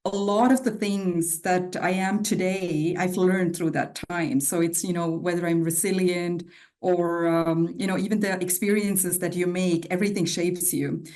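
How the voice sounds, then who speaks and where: A woman's voice: on the low side, fairly even intonation, unhurried, darkish tone. A woman raised in Switzerland, a podcast guest, speaking in a reflective, casual way with many fillers. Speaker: guest, non-profit CEO. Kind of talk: casual interview talk.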